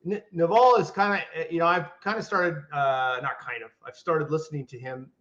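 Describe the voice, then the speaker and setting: A man's voice: a little high, steady tone, moderate pace, fairly bright tone. An older man co-hosting a podcast in casual chat, rambling with restarts and fillers. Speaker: podcast co-host. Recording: dull lo-fi audio.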